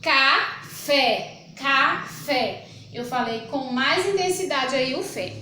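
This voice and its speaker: A Brazilian Portuguese woman teaching a primary school grammar lesson, patient, repeating words slowly and checking in with the children. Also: high-pitched, expressive, a bit bright, reverberant, soft background music.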